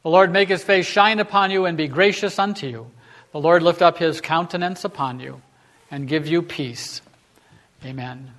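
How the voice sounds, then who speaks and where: A pastor leading a church service, reciting prayers and blessings in a measured, solemn way, with a long church reverb behind his voice. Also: fairly high pitch, a bit bright. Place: large church sanctuary.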